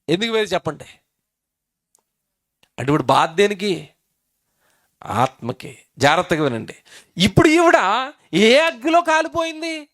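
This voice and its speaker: A man's voice: high voice, fairly bright tone, no room sound, clean studio sound. A male pastor from Andhra Pradesh with a Telugu accent, preaching a sermon in an emphatic way, asking the congregation questions and repeating phrases.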